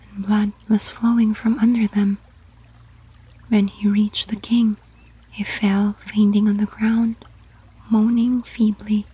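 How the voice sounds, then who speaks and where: A woman reading a story aloud entirely in a soft, steady whisper. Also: mid-range voice, husky, rough recording. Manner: steady unvoiced whisper throughout.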